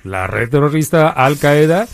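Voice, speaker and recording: A man's voice: a little high, lively intonation, unhurried, creaky. A man hosting a morning radio show, joking playfully and mixing in English. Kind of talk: lively bilingual radio banter. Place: radio studio. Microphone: studio microphone.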